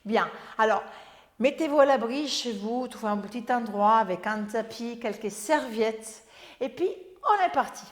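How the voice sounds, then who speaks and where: A woman with a fairly high voice leads a Pilates session, calling out movements and breaths in an upbeat, brisk way. She sounds like she is in an echoey room where the sound rings on with a long reverb. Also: expressive. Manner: upbeat, giving brisk exercise cues. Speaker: Pilates instructor. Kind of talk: guided workout instruction.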